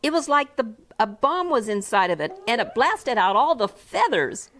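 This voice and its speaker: Woman voicing storybook girl, young, sweet, sing-song, lively pitch. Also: normal speed.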